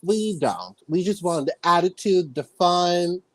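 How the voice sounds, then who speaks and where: Woman, from the Dominican Republic, relaxed, hesitant, video call, dry sound. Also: lowish voice, measured pace, dry recording. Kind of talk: casual chat.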